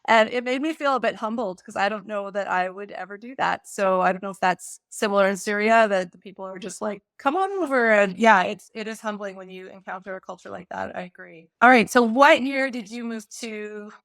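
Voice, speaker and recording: A woman's voice: mid-range voice, a little fast, hardly any pauses, dry recording. Chatty woman podcast host, dry sound. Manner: chatty, lively, thinks aloud with restarts. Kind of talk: casual interview chat.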